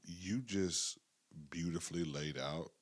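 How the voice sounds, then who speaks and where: Male podcast host with a very low voice, earnest and emphatic. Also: takes it slowly. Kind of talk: casual podcast conversation.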